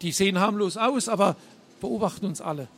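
A man's voice: high-pitched, fairly quick, fairly bright tone, slightly rough, exaggerated voice. A man voicing a nervous, paranoid male bomb maker who rants about being watched. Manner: frantic ranting.

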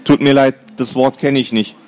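A man's voice: mid-range voice, fairly even intonation, normal speed, lightly acted. Man doing a sly teasing girl. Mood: mock-innocent. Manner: sly, mock-innocent. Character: mischievous teasing girl twin.

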